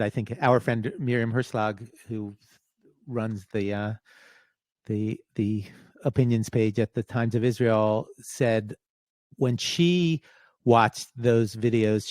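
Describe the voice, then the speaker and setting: A middle-aged man being interviewed as a professor, speaking gravely in halting bursts, restarting phrases as he searches for words. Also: medium pitch, darkish tone, no echo. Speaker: guest, professor. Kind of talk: remote interview conversation.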